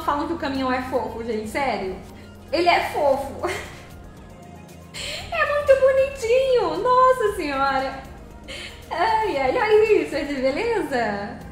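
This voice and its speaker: A woman's voice: high-pitched, sing-song, a little slow, very echoey, soft background music. A woman, live streaming as she drives a truck game, cheerfully greeting viewers by name and giggling.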